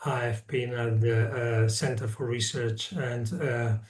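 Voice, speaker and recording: A man's voice: mid-range voice, steady tone, slow. A man from Spain, a family medicine professor, introducing himself with many hesitant fillers. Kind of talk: self-introduction. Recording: echoey room, distant from the mic.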